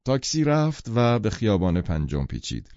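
A man narrating a novel as an audiobook, in a measured, expressive reading. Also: fairly low pitch, vocal fry, no room sound, dull audio. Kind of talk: scripted literary narration.

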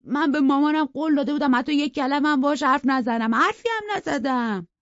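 A reader voicing a prissy, whining well-off boy in a high, thin voice, in a storybook reading. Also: a bit bright, no echo. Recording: dull lo-fi dry recording.

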